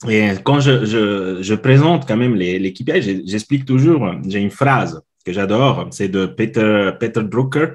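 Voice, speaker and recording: An Italian man in his forties talks in a lowish voice with an Italian accent. He is a guest in a casual interview, searching for words, with frequent filler sounds and restarts. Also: normal speed, few pauses, slightly rough. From Italy. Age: 40s. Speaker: guest, customer experience consultant.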